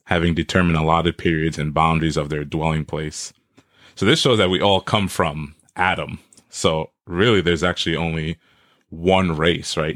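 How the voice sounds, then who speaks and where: Man, 30s, from trinidad via brooklyn, very deep voice, earnest explaining, dry close sound. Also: fairly bright tone, dry recording. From Trinidad, raised in Brooklyn, New York. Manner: earnest, explanatory, laughs easily. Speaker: associate pastor, guest. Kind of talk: podcast interview.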